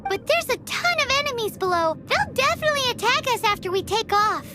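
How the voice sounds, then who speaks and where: A woman's voice: very high-pitched, big pitch swings, brisk, sharp tone, faint music behind, heavily acted. A woman voicing a tiny, cute, childlike companion creature in a video game, inquisitive and a little fretful. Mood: doubtful, worried. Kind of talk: animated video game voice acting.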